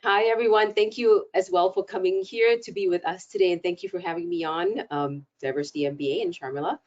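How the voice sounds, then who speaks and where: A woman from Singapore introducing herself as a webinar panelist in a measured, explanatory way. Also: medium pitch. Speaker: panelist, communications lead. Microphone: video call. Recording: muffled video call audio.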